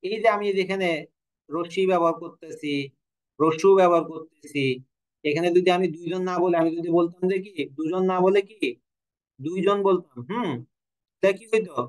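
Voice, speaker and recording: High-voiced man teaching a language class. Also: steady tone, moderate pace, pauses often, low-quality recording. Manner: explanatory, asks students questions, tells jokes. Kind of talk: online class lecture. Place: online class from home or studio.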